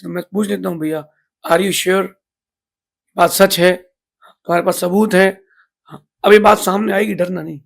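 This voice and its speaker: A man giving a moral sermon as a monk, speaking emphatically with swells and drops in loudness. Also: high-pitched, creaky, slightly rough. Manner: emphatic, rising and falling in loudness.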